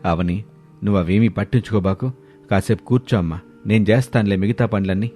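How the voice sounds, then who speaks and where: A man voicing a gentle older father-in-law who speaks low and soothingly in a storybook tale. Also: brisk, soft background music, natural voice. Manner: low, soft-spoken and soothing.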